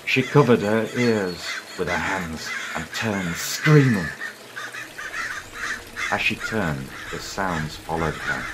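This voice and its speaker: Over background music, a man narrates a dramatic scripted horror story in a low-pitched, expressive voice at a slow pace. His theatrical, suspenseful delivery builds in intensity, and the recording is very noisy.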